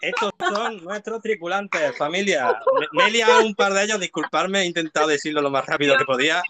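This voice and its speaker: A man's voice: high voice, sing-song, fairly quick, a loud crowd. A man, co-hosting a live show in casual chat, playful and racing through long lists of names. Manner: playful, reads a long name list at speed.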